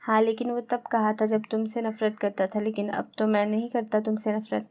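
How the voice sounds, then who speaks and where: A woman's voice: medium pitch, monotone, darkish tone, no echo, close to an everyday voice. A woman voicing a proud young husband who is stubborn at first and turns tender. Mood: tender, teasing. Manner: firm, then teasing and tender.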